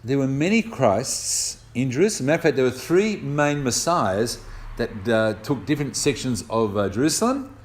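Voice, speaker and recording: A man's voice: medium pitch, lively intonation, moderate pace. An older man with an Australian accent preaching a sermon, explaining scripture step by step in a conversational way with personal anecdotes.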